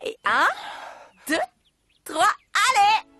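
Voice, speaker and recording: Excitable young woman, high animated voice, dubbed telenovela, theatrical, faint music behind. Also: slow pace, full character voice. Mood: excited, giddy.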